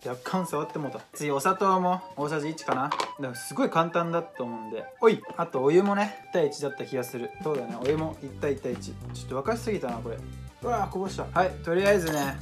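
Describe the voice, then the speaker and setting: A young man, chatting excitably and casually while cooking at home for his vlog. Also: fairly high pitch, fast. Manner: excitable, chatty, exclaims often. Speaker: vlogger. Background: background music.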